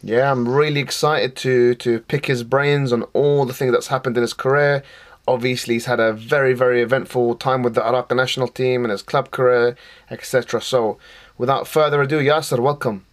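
A man's voice: medium pitch, steady tone, a little fast. A man hosting a football podcast, enthusiastic and informal. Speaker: podcast host.

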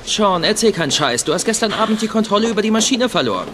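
A man's voice: high voice, sing-song, fast talker, noisy background. An actor playing an earnest, businesslike young man, a nagging best friend in a TV comedy-drama dub. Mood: reproving.

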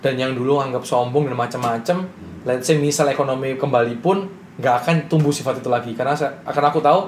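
Fast-talking young man. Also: mid-range voice. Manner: animated storytelling with bold, brash confidence. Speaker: business owner guest. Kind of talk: casual interview talk. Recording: roomy echo with faint noise.

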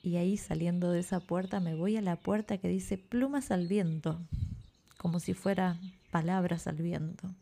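Gravelly, mellow woman guiding a meditation. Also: fairly low pitch, steady tone. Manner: slow, soothing guidance. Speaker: yoga nidra guide. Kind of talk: guided meditation with story reading.

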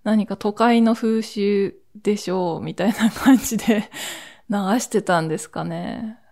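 A woman's voice: mid-range voice, unhurried, vocal fry, darkish tone. Woman in her 40s from akita, rambly chatty podcast storytelling, lots of asides. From Akita, Japan. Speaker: podcast host. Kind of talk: casual solo storytelling.

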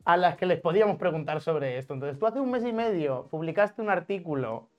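A man's voice: on the high side, animated, a little fast, dull audio, faint music behind. A man hosting a podcast, asking long interview questions with many fillers and restarts. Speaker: podcast host.

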